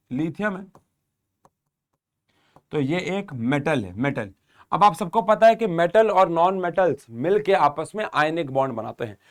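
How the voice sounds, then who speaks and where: Higher-voiced man teaching chemistry. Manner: explains step by step, addresses students directly. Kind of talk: exam-prep chemistry lesson.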